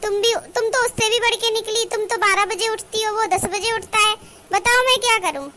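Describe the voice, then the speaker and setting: A voice actor playing a nagging middle-aged mother-in-law in an animated cartoon, scolding and complaining with a sharp tongue. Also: very high-pitched, a little fast. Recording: music playing under the voice. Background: background music.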